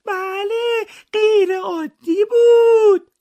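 A weepy widow cries out her lines in a piercing falsetto. The voice stays stuck on one high note, wailing and stretching each word. It belongs to a comic mystery storybook. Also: fairly even intonation, warm tone. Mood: tearful wailing. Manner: tearful wailing, drawn-out words.

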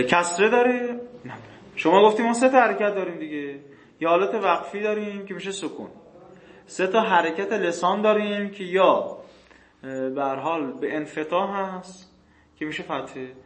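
A man with a fairly high voice teaches a lecture, reading passages slowly and then explaining them faster. He poses questions to his listeners and answers them himself, clearing his throat now and then. The room rings with echo. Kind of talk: classroom lecture on grammar texts.

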